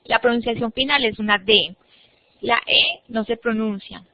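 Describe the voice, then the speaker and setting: Fairly high-pitched and unhurried, a woman teaches English over a video call, her voice free of echo. She patiently breaks things down step by step and voices words for learners to repeat, with the computer mic producing muffled, dry online-class sound.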